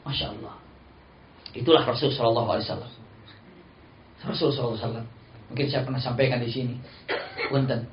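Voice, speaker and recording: A male Islamic preacher, giving a lively sermon full of stories and acted-out dialogue. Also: medium pitch, quick pace, long pauses, slight background noise. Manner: animated, acts out dialogue, laughs often. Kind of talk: sermon with storytelling. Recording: roomy, slightly dull recording.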